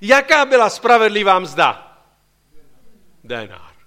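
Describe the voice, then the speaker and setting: A male preacher with a high, very lively voice, rising and dropping sharply as he puts question after question to his congregation. He talks straight to his listeners and pulls them into the scene. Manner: animated, questioning the congregation directly. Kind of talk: sermon.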